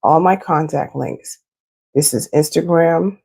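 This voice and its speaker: A hoarse woman, a loctician, gives a chatty and explanatory screen-share walkthrough of her website for her clients. She uses frequent fillers. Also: deep voice, slow, dark tone.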